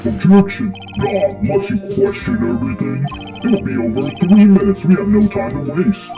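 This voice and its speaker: A woman's voice: mid-range voice, very animated, moderate pace, creaky, voice pushed up. A woman voicing an arrogant, domineering male video game prosecutor who speaks in curt, imperious declarations. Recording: music behind the voice.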